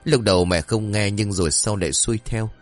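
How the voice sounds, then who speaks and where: A man's voice: lowish voice, brisk, faint music behind, close to an everyday voice. A man voicing a frantic older mother who hides a guilty secret and pleads in a wailing voice. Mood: confessing.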